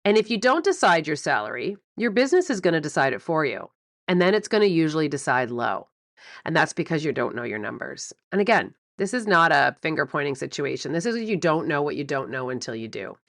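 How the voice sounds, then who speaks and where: A woman hosts a solo podcast and coaches her listeners, with a fairly low voice. She talks in an animated, emphatic way and drives points home by repeating words. The sound is dry and close, with no room around it. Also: fairly quick, no echo. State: morning voice before coffee. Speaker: podcast host and business mentor.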